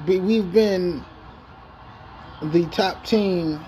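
A man with a somewhat high voice talks in a loose, rambling way, swearing freely and restarting his sentences. He chats casually about his game, and a faint hum of room noise sits behind him. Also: extremely slow, warm tone, low-quality recording. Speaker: video game player. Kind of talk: casual gameplay commentary.

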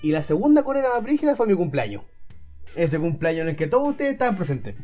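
A young adult man with a Chilean accent, casually telling a story among friends, animated and full of slang. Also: on the high side, fast, soft background music. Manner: animated, slangy, laughs loudly.

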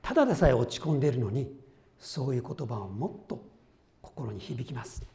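A man preaching a sermon as pastor, earnest, rising to loud exclamations and dropping to soft whispered asides. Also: mid-range voice, animated, a little fast. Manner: quotes voices and his own notes conversationally.

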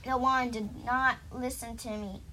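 A woman reads a children's picture book aloud with a gentle, expressive delivery. Her voice is high and bright, and she takes her time over each line. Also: measured pace, slight background noise, poor audio. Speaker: storybook reader. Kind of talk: children's story read-aloud.

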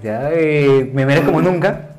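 A man with a Peruvian Spanish accent, a podcast host telling a work anecdote in a rambling, casual way that trails off quieter at the ends of phrases. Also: a little high, normal speed, soft background music. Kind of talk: casual storytelling.

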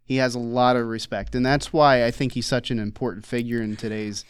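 A man in loose, rambling podcast conversation, circling his points and stopping to restart his sentences. His voice is smooth and resonant, sitting in an ordinary middle register, and it is recorded close and dry. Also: medium pitch, flat delivery, fairly quick, no room sound. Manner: rambling, with many fillers and restarts. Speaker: podcast co-host. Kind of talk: casual conversational podcast chat.

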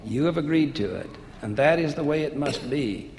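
Stern, unyielding creditor read by a man in a sermon; gravelly tone, echoey hall. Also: fairly high pitch, lively intonation, moderate pace, a little mellow. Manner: firm, unbending. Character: stern male creditor demanding justice. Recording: echoey hall with faint hiss.

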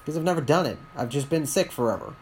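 A man, talking alone on his podcast in a rambling, candid way, often halting and restarting his sentences. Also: fairly high pitch, expressive, a little hiss or hum. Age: 20s. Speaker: podcast host. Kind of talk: solo podcast monologue.

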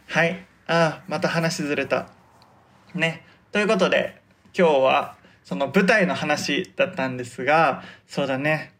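Soft-spoken man with a fairly high voice. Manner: soft-spoken, deliberately projecting from the diaphragm and articulating carefully. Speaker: podcast host. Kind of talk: casual solo monologue.

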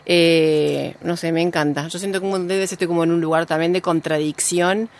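Female host from Peru, lower voice, effusive casual chatter. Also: steady tone, normal speed. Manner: effusive, fills with tag questions. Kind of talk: casual chat.

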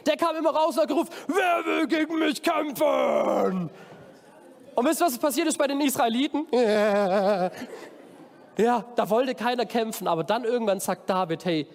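High-voiced energetic man preaching to children. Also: fast, hardly any pauses. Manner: energetic, calls out to the audience. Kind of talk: lively children's sermon. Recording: long hall reverb.

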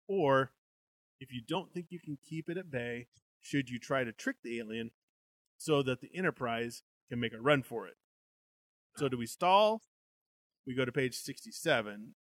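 A young man co-hosts a podcast, reading a gamebook aloud amid banter and frequent laughter. His voice is medium-pitched and fairly bright, recorded cleanly in a studio with no echo.

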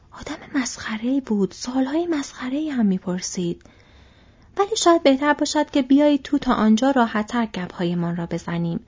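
A woman voicing a stout, red-faced male hobbit farmer who is gruff but hospitable and talks loudly and heartily. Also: on the high side, highs cut off. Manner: loud, hearty, talkative.

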